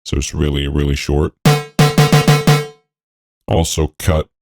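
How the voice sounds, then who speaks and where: A man talking through a voice changer that deepens his voice. He hosts a music production tutorial, narrating each step in a laid-back, technical way with frequent fillers. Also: flat delivery, takes it slowly, creaky. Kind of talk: walkthrough narration over a screen recording.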